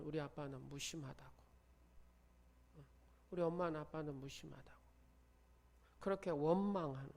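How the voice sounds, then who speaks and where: A male pastor preaching a sermon with fervor, booming out proclamations and then dropping to near whispers. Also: a little mellow. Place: church sanctuary.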